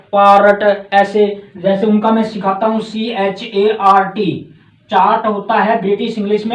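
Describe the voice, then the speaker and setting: A man from Haryana, a tuition teacher explaining his teaching methods in an earnest way, repeating key words as he goes. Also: sits high. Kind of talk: explanatory talk. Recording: roomy, dull lo-fi sound.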